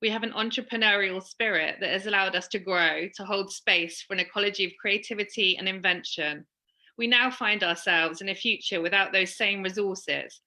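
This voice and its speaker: Woman, crisp bright voice, scripted measured talk. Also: mid-range voice, poor audio. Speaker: panel speaker. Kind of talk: read prepared talk.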